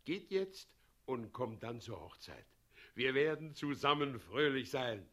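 A smug, chuckling tyrant. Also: male voice, mid-range voice, sing-song, measured pace, fairly bright tone. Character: smug male tyrant posing as a liberator. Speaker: president of the town. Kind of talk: radio play acting.

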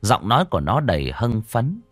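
A man's voice: mid-range voice, huge pitch swings, normal speed, dry recording. Dramatic male ghost-story narrator. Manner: dramatic, varied delivery.

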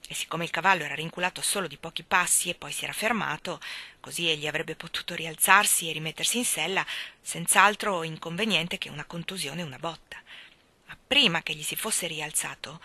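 Italian woman, audiobook narration, expressive dramatic reading, bright voice, dry close sound. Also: medium pitch, no room sound. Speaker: audiobook reader.

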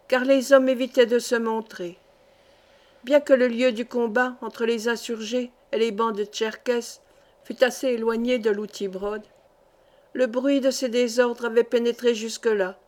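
A woman narrating a literary short story as an audiobook reader, in a measured way. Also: a little high, a little mellow.

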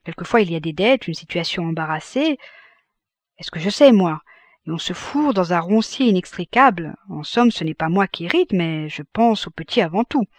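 A man's voice: sits high, expressive, moderate pace, no room sound. A woman voicing an eager old father. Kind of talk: audiobook reading.

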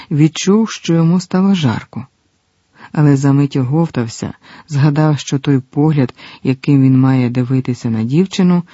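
A man reading a novel aloud in a measured, dramatic narration. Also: fairly high pitch, dark tone, husky, no room sound. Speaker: audiobook reader. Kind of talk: scripted narration. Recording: dull lo-fi, dry.

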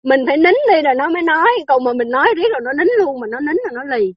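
A woman's voice: sits high, racing, no echo. A woman delivers a Buddhist dharma talk in a chatty, teasing way. She keeps asking her listeners questions as she teaches. The recording is dry and a little dull.

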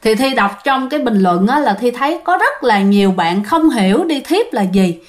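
A woman's voice: on the high side, sing-song, moderate pace. A woman telling ghost stories in a casual, chatty way, often speaking straight to her listeners. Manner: chatty, addresses listeners directly, with fillers. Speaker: ghost story narrator. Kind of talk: casual spoken storytelling.

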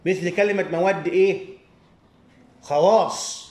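A man's voice: sits high, unhurried, dark tone, roomy sound, slight background noise. Egyptian male teacher quizzing his class. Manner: quizzes students, leaves sentences open for them to finish. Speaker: hadith studies teacher. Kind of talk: classroom lecture with call-and-response.

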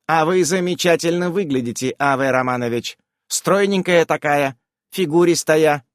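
A man reading an audiobook, voicing a fussy, chattering magical footnote character with a quick, eager patter. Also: a little high, no room sound, clean studio sound, pitched above the performer's own voice, close to an everyday voice. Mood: flattering.

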